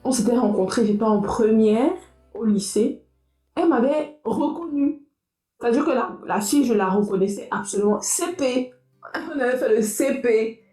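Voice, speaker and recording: A young adult woman vlogging casually, talking straight to her viewers in a lively, chatty way. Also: fairly high pitch, normal speed, echoey room, soft background music, poor audio. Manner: lively, talks directly to viewers. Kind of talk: casual motivational vlog.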